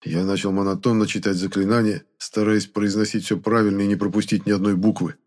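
A man narrates an audiobook in the first person, speaking a little on the low side. His delivery is steady and keeps the storytelling moving. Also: a little fast.

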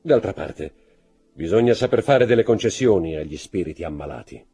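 A man's voice: deep voice, animated, moderate pace, creaky, dark tone, breathy edge, faint music behind, full character voice. A man reading an audiobook, voicing a cold, imperious nobleman who gives commands. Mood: coldly mocking.

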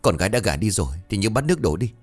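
A man's voice: on the low side, very animated, very fast, breathy edge, faint music behind, full character voice. A man voicing a lazy gambling son near forty who wheedles and pushes his mother. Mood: wheedling.

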